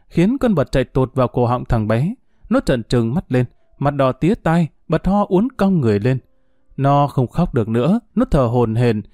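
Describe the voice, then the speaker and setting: Man reading an audiobook, dark mellow voice, dry close recording. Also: mid-range voice, no room sound. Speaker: narrator. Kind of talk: audiobook narration.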